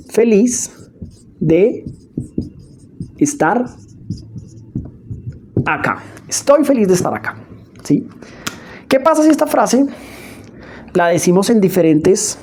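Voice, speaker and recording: Brief: female speech coach, mellow and slightly husky, lively demonstrative delivery. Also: on the low side. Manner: expressive, demonstrates emotions with her voice; frequent checking "¿sí?" asides. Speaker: voice and public speaking coach. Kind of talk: spoken lesson.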